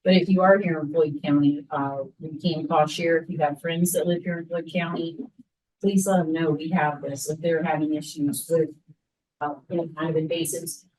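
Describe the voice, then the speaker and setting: A woman's voice: low-pitched, fairly even intonation, normal speed, a little mellow, recorded from a distance, poor audio. A woman coordinating a local program, explaining it to a class in a conversational way with many fillers. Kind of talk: informal class presentation.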